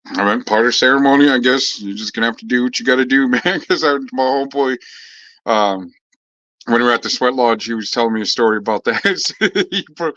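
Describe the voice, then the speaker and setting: A man's voice: mid-range voice, fairly bright tone, no room sound, dull audio. A man chatting casually on a live stream, answering viewers in a laid-back, slangy way, swearing freely and laughing often as he tells stories.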